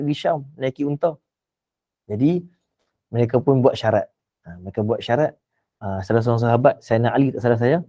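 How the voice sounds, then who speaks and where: A man's voice: medium pitch, dark tone, dull audio. A man from Malaysia giving an afternoon religious talk as a teacher, telling a story animatedly with rhetorical questions and repetition.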